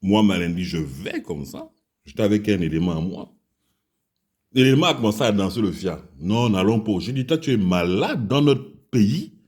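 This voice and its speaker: A commentator from Gabon, speaking with a Gabonese French accent, tells an angry, crude personal story and denounces the country's leaders. His fairly low voice is a little mellow and slightly rough, with lively intonation at a moderate pace. The storytelling is heated and repetitive.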